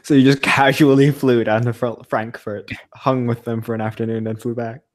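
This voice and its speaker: In a mid-range voice with a level tone and moderate pace, a young male podcast co-host makes casual conversation. He rambles, jokes about himself, and laughs a lot.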